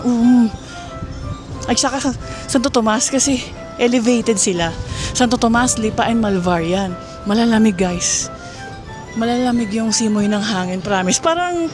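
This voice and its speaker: A woman's voice: fairly high pitch, low-quality recording. Chatty Filipino woman touring a mall. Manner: chatty, keeps addressing viewers as guys; raises her voice to be heard over the crowd. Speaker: vlogger giving a mall tour. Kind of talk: casual walking vlog. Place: busy outdoor shopping mall.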